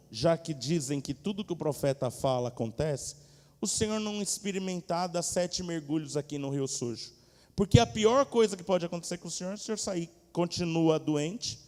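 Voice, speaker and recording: A man's voice: fairly high pitch, darkish tone, close to an everyday voice. A man voicing a humble male servant earnestly pleading with his master during a sermon. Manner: earnest, persuasive. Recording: echoey church hall.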